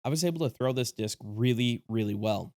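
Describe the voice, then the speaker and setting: A man's voice: medium pitch, a little fast, mellow, no room sound, clean studio sound. A sick man whose voice sounds a little off, hosting a casual review vlog in a chatty, enthusiastic and joking way. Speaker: disc golf video host.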